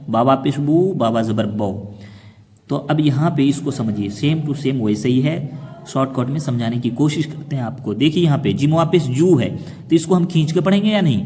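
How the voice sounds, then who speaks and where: Man, Quran reading teacher, fairly high voice, asks and answers his own questions, long reverb. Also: darkish tone. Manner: asks questions and then answers them himself, slowing down to spell out syllables. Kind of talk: explaining a lesson to children.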